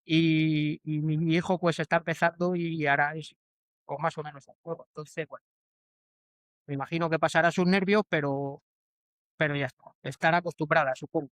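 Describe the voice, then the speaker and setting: Spanish man in his forties, smooth and halting. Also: on the high side, flat delivery, dry recording. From Spain. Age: 40s. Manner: hesitant, many restarts and fillers. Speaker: bullfighter guest. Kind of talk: casual interview answers.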